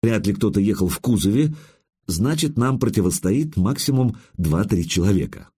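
A man's voice: on the low side, animated, normal speed, dark tone, breathy edge. A man narrating a first-person audiobook in a wry, conversational storytelling manner.

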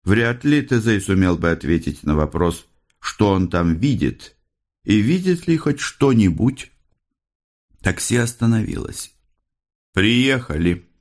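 A man narrating an audiobook in an expressive, dramatic reading. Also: lowish voice, unhurried.

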